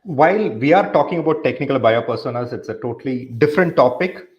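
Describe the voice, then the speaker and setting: A man in his thirties hosts a live business interview at an even middle pitch. He rambles through his points, leaning on fillers and restarts as he goes. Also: fast talker, dull audio, a little hiss or hum. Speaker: podcast host.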